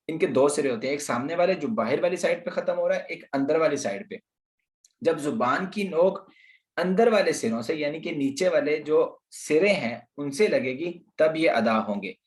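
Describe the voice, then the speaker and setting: A man teaching Quran pronunciation in an online lesson, patiently explaining and repeating letter sounds for practice. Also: fairly high pitch. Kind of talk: slow online tajweed lesson. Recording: roomy echo.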